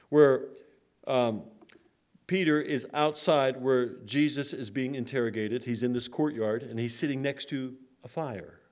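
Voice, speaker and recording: A man's voice: medium pitch, a little mellow. A man preaching a sermon. He checks in with the congregation, stretches key words for emphasis and drops his voice for the somber points.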